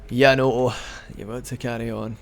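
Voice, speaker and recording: A young man with a mid-range, creaky voice rambles casually over music while playing a game, keeping a level tone and moderate pace. He's chatty, restarts often, and hiccups now and then as a let's play commentator.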